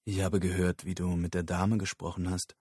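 A man voicing a tall, gaunt male drug dealer with a deep bass voice, slow and guarded. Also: level tone, a little mellow, husky, no echo, clean studio sound.

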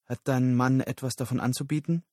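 A man's voice: medium pitch, steady tone, brisk, dark tone, no room sound, clean studio sound, voice pushed up, close to an everyday voice. A man playing a wary male fugitive who speaks tensely and urgently.

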